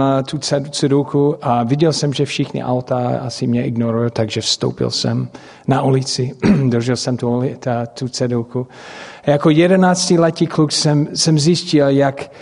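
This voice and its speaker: A middle-aged man, a native English speaker speaking with an English-speaking accent, preaches through personal stories, haltingly searching for words and making grammatical slips. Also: mid-range voice, a little mellow. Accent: English-speaking accent in Czech. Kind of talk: sermon with personal storytelling. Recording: long hall reverb.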